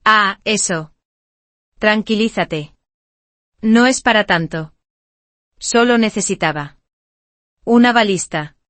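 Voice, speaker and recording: A woman's voice: medium pitch, takes it slowly, pauses often, fairly bright tone, no room sound. A woman voicing a dismissive, entitled adult sister who talks in a flippant, scornful way.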